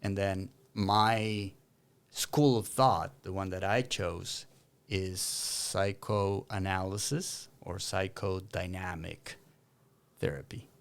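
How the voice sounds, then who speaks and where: A man from Argentina, a clinical counsellor, explaining his work in an interview with many pauses and restarts. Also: sits low, steady tone, clear, resonant tone. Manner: thoughtful, many fillers and restarts. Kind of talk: interview conversation.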